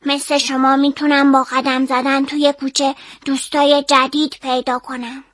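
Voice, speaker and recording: A woman's voice: high-pitched, no echo, studio quality, pitched above the performer's own voice. A woman voicing a lonely young boy in a children's story, answering reluctantly. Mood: sulky. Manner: flat, reluctant replies.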